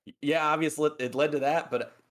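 A man's voice: on the high side, fairly even intonation, a little fast, fairly bright tone. A man guesting on a casual sports podcast, explaining at length and checking in with "right?". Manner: explanatory storyteller, tags lines with "right?".

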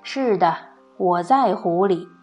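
An unhurried, composed magician from a storybook, voiced by a woman storyteller. His voice sits lower than the narration, and he stays calm and steady. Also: soft background music. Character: calm clever male magician.

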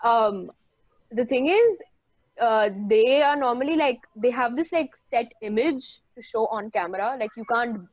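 A young woman in casual chat as a co-host, animated and filling her talk with "like". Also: fairly high pitch, a little slow, no room sound, dull audio. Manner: animated, says "like" a lot.

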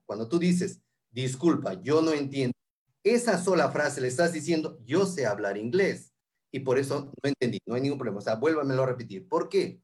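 A man explaining English interview phrases, repeating each one slowly and clearly. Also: medium pitch, darkish tone. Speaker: English teacher guest.

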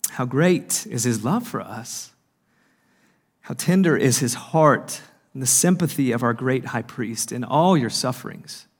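Earnest male speaker, sermon delivery, mid-pitched, weighted pauses. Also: expressive, slightly rough. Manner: earnest, slows down to stress lines. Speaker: conference speaker. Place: conference hall.

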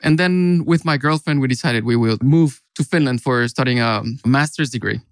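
Relaxed Mexican man recounting his path. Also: medium pitch, moderate pace, no room sound. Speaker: consultant, podcast guest. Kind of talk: casual interview storytelling.

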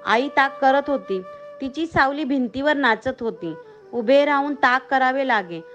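A woman narrating a story in a steady, measured reading manner. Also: high-pitched, faint music behind.

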